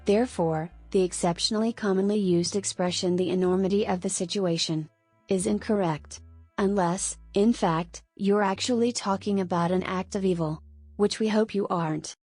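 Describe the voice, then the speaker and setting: A woman giving a scripted explainer on tricky words, clear and lightly playful. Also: medium pitch, fairly even intonation, moderate pace, a little mellow, no room sound. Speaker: narrator. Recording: faint background music.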